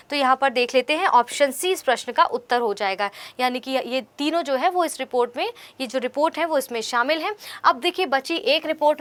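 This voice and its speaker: A woman's voice: high voice, fairly bright tone. A young woman teaching exam answers in a chatty way, asking questions and answering them herself. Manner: conversational, asks questions and answers them, says "bhai" often. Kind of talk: explaining quiz answers.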